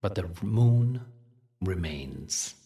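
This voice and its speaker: This low-voiced man, a teacher leading guided meditation, shares spiritual stories gently and expressively, pausing on purpose and keeping a soothing, measured rhythm. He is picked up by a distant mic.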